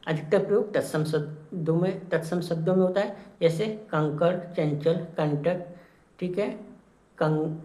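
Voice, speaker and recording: A man teaching an exam-prep class in a soft, mellow voice. He explains step by step and circles back to each key point with frequent check-ins. The sound is roomy, with a clear echo around him. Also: fairly high pitch, fairly even intonation, moderate pace.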